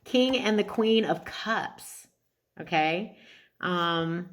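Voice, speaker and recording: A woman's voice: fairly low pitch, drawn-out words, a bit bright. A woman giving a casual, intimate tarot reading to viewers in an informal, effusive way, with mild swearing. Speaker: tarot card reader.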